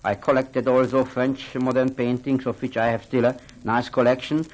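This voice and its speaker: On a radio program, an older gallery owner and collector from Hungary talks with animated sincerity in phrasing that marks him as a non-native speaker. His voice sits mid-range at a normal pace, and the audio is poor.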